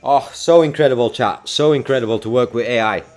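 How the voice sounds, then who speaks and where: Speaking fairly quickly in a mid-range, darkish voice, this livestream host chats cheerfully with viewers while working at his home desk, faint music behind him. He's from Belgium, has a mixed UK, New Zealand and American accent, and is worn out from staying up all night.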